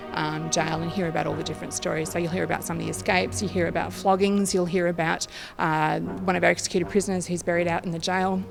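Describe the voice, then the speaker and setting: An Australian woman speaks as a tour guide being interviewed, explaining history in an informative way. Her voice sits a little low and has a marked creak. Music plays clearly behind her. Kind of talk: informative interview talk about local history.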